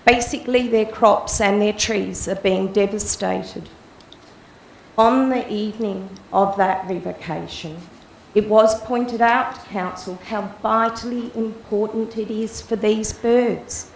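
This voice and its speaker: A woman speaks at public question time, croaky from a cold and muffled by a mask. She is earnest and impassioned, and her voice has a gravelly rasp. The chamber is echoey, with a faint hiss behind her. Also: medium pitch, steady tone, slow pace. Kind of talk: prepared public statement.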